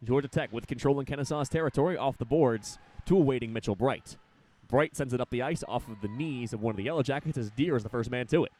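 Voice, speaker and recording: A young man calling live college hockey play-by-play, rattling off passes and rising in excitement on shots. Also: mid-range voice. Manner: rapid, rising excitement on big plays. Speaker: play-by-play announcer.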